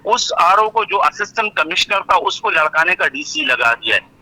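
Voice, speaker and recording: A man's voice: sits high, sing-song, bright, forceful tone, poor audio. A male politician arguing insistently in a heated debate, repeating himself and talking over the host. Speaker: politician guest.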